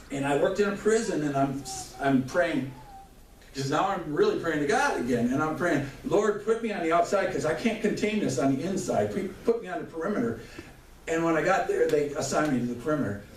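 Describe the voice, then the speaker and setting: A man's voice: fairly high pitch, expressive, a little fast. Fervent man testifying in an echoey church. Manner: fervent storytelling with restarts and chuckles. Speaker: church member giving testimony. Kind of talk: spoken testimony before a congregation. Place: church hall. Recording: echoey room mic from far off, faint noise.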